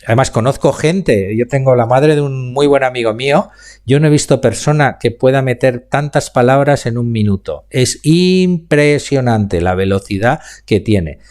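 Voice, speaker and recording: A man's voice: mid-range voice, a little mellow. Spanish man coaching public speaking live. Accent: Spain Spanish. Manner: explanatory, slows down to demonstrate pauses and emphasis. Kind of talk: live online class answering chat questions.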